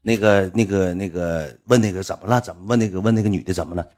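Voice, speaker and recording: A man with a Northeastern Mandarin accent tells a casual story in a low voice. He talks quickly, loops back on his own words and leans hard on fillers as he goes. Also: a little mellow. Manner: rambling, repetitive, full of fillers. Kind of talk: casual spoken anecdote.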